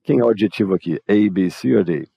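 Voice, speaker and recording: A man's voice: lowish voice, fast, gravelly, dry recording, muffled recording. A man with a Brazilian Portuguese accent teaching English grammar in a live online lesson, explaining informally and talking straight to his students.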